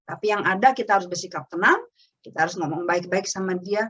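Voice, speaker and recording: A woman with a husky voice gives an earnest parenting talk, speaking straight to the parents. The sound is dull and lo-fi, as on a video call. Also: medium pitch, fast, fairly bright tone. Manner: earnest, addresses parents directly. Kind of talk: webinar talk.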